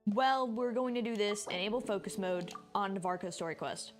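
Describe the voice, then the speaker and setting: A game streamer, a woman with a mid-range voice at normal speed, chats and thinks aloud during casual live commentary on a game. She sounds a bit tired, and game music plays in the background.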